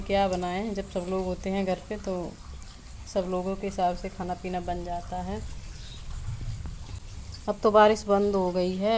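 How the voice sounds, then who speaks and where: A woman chats through a homely vlog in a rambling way, full of fillers. Her voice sits at a middling pitch. Clear background noise from rain and the house runs under her. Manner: chatty, rambling, many fillers. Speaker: village vlogger. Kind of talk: casual vlog narration. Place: rural home, rain outside.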